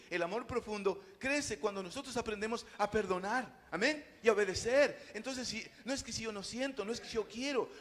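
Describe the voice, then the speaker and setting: A male pastor delivers a sermon with a strikingly high voice. His words ring out in a large church hall with a long reverb, and he calls back and forth with the congregation, swelling loud on the phrases he stresses. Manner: preaching with call-and-response, swells loud on key phrases.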